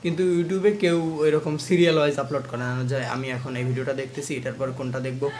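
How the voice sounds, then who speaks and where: A man's voice: mid-range voice, racing, a little mellow, a little hiss or hum. A man teaching ukulele, explaining a strumming rhythm step by step and chanting its beat syllables aloud as he plays. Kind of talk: instructional lesson. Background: plucked ukulele playing.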